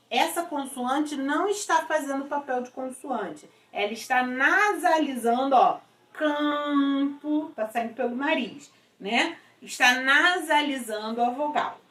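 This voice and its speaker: A patient woman teacher talks slowly and clearly, spelling out letters and syllables one by one. Her voice sits a little high. It sounds like a classroom recording, echoey and picked up from a distance. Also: fairly bright tone. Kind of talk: recorded school lesson. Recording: echoey room, voice away from mic.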